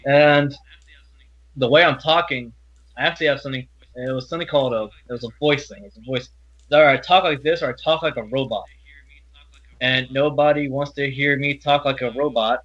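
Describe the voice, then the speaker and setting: A young man talks openly as an interview guest, in a bright, forceful voice. He speaks earnestly and in halting bursts, with frequent restarts. The audio is dull and lo-fi. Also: mid-range voice. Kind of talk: personal interview talk.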